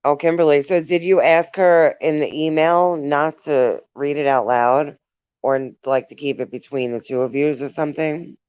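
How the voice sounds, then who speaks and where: A woman hosts a casual live stream, reading viewer comments aloud, giggling often between remarks and speaking affectionately to her viewers. Her deep, smooth voice has a steady, darkish tone and a moderate pace. The recording is dry with lo-fi sound.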